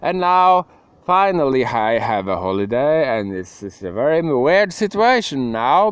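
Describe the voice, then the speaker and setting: A man's voice: fairly high pitch, clear, resonant tone, dry recording. A young man rambling emotionally to the camera in a casual monologue, breaking into laughs and sudden outbursts. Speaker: vlogger.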